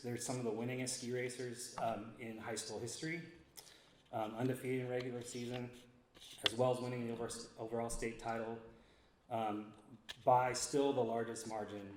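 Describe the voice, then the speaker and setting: Man, mid-pitched, hesitant acceptance speaker, echoey room with faint noise. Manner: halting, frequent long ums. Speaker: award honoree giving acceptance speech. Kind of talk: acceptance speech.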